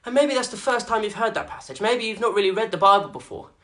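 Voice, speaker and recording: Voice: mid-range voice, quick pace, a bit bright. A fitness instructor, out of breath after a workout, reading Bible verses and encouraging viewers in an earnest way. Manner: earnest, encouraging, peppers talk with "okay" and "guys".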